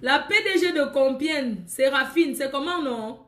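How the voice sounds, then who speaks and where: A woman's voice: sits high, measured pace, a bit bright, reverberant. A woman selling clothes on a live stream, chatting with her viewers in a scolding, teasing, laughing way.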